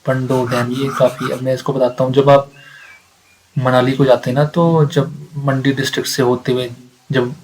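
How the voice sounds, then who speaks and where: A man's voice: mid-range voice, level tone, moderate pace, a little mellow, rough recording. A man teaching exam facts in a lecture, asking himself questions and answering them, repeating key points. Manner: repeats facts, asks and answers himself, mixes English readings. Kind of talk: explanatory lecture.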